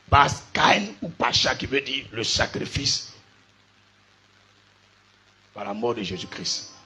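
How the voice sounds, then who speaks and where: A man's voice: mid-range voice, pushed and bright, slight background noise. A man with an Ivorian French accent preaching a sermon, spelling out words letter by letter and asking his listeners if they follow. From Côte d'Ivoire. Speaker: pastor.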